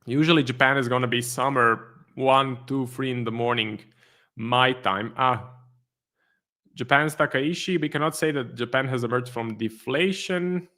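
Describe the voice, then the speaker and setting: On his laid-back trading livestream, a man from Croatia reads his viewers' questions out loud and answers them conversationally, in English with a Croatian accent. His voice is mid-range and his pace moderate.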